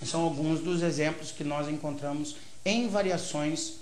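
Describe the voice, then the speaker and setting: A man's voice: fairly high pitch, normal speed, darkish tone. A man from Brazil with a Brazilian Portuguese accent, a teacher giving a grammar lecture who explains step by step and keeps checking in with short tag questions. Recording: roomy echo.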